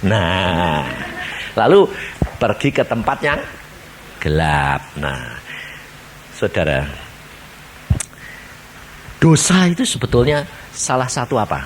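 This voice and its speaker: Brief: male evangelist, lively pitch, faint room hiss behind. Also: takes it slowly, long pauses. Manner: animated, questioning the congregation. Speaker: evangelist preacher. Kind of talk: sermon.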